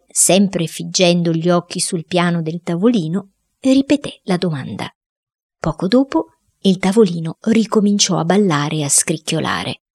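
A woman narrating a storybook with a steady, expressive delivery. Her voice sits a little low for a woman. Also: husky. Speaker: audiobook narrator. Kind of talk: storybook reading.

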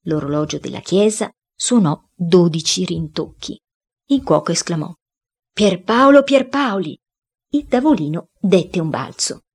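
Husky woman reading a story aloud. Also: lowish voice, expressive, normal speed, warm tone. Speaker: reader. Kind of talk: audiobook reading of a boy's first-person diary.

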